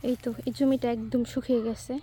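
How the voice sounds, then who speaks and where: A woman chatting casually in a vlog, calling out lively, bossy instructions to children. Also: on the high side, fast talker. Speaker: vlogger. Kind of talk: casual outdoor vlog chat. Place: outdoors, dry rural field.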